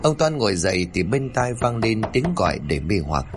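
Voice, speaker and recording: A man's voice: lowish voice, very animated, moderate pace, background noise. A man narrating a horror story, reading in a dramatic, suspenseful way.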